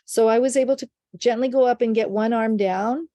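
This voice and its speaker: An older woman in a dry, close recording, a midwife telling a story from her work. She speaks at a middle pitch and livens the tale by putting on the voices of the people she describes, with no room echo around her. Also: brisk. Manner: animated storyteller, acts out quoted voices. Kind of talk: storytelling in an interview.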